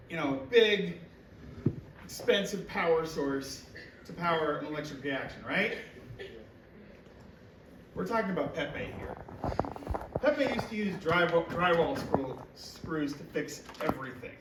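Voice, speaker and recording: A man's voice: on the high side, unhurried, long pauses. A man giving a chemistry demo lecture in a hall, telling a rambling, casual story. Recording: echoey hall, mic far off, noisy.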